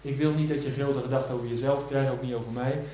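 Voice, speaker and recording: A male preacher delivering a sermon, rising loud on key words and dropping to hushed low phrases. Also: fairly even intonation, quick pace, slight background noise. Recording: echoey church hall.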